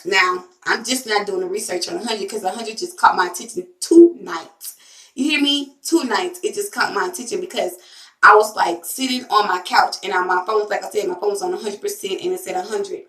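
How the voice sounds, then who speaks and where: A woman's voice: medium pitch, fairly quick, a bit bright, recorded from a distance. Emphatic woman preaching in an echoey room. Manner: emphatic, preachy, repeats phrases; casual spoken slang. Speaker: spiritual tarot channel host. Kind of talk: casual spiritual talk to viewers.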